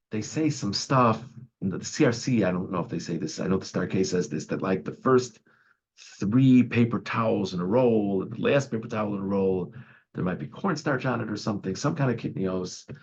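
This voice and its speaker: A man speaking as a rabbi in an informal online question-and-answer class, warm and questioning, hesitant and rambling as he restarts phrases and poses questions before answering them. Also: fairly low pitch, highs cut off. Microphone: online video call.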